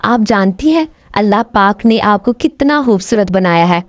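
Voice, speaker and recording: A woman's voice: medium pitch, animated, normal speed, no echo, close to an everyday voice. A woman voicing an earnest, lovesick young male doctor who talks in a pleading way. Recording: dull, dry recording.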